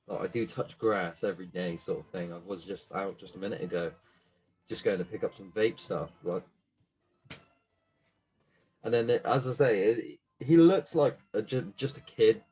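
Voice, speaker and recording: A man's voice: lowish voice, darkish tone, poor audio. A young man, a small gaming YouTuber, ranting casually to camera with lots of swearing and fillers. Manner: swears a lot, rambling with many fillers.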